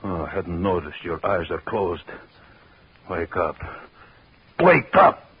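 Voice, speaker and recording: An actor playing a vengeful, obsessive husband in a 1940s radio horror drama, brooding and gloating with menace. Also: male voice, low voice, very animated, takes it slowly, breathy edge, exaggerated voice. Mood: agitated, commanding. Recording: muffled, noisy 1940s radio recording.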